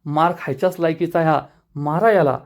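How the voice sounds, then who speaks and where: A man's voice: fairly high pitch, normal speed, natural voice. A man voicing a worried man who urges a quarreling couple to stop. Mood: urgent.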